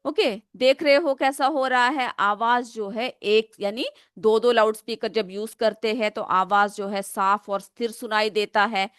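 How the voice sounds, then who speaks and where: A woman's voice: fairly high pitch, measured pace, few pauses, a bit bright. A woman teaching a school science lesson. She asks the pupils questions and then answers them herself. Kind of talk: classroom lesson, explaining a simulation.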